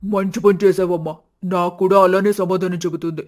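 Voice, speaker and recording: A woman voicing a plain-spoken young husband in an animated storybook, talking in a brusque, matter-of-fact way with a lowered voice. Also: fairly quick, lightly acted. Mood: approving.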